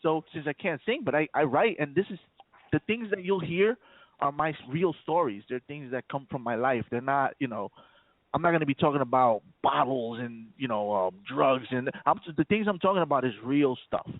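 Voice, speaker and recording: Over a tinny, dry phone line with no room sound, the South Bronx rapper talks casually with the radio host in a mid-range, lively voice at moderate speed. His speech is full of stammered repeats and "you know" fillers.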